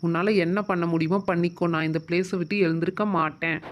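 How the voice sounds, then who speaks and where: A woman's voice: lowish voice, fairly even intonation, fast, slight background noise, close to an everyday voice. A woman voicing a cocky, defiant schoolboy in a doll show, talking back in a mocking tone. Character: cocky schoolboy who turns frightened.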